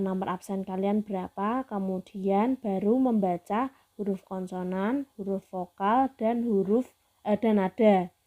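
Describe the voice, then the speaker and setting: A woman teaching a Mandarin lesson to students, slowly modeling sounds for them to repeat. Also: medium pitch, narrow, tinny audio. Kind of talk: online class lesson.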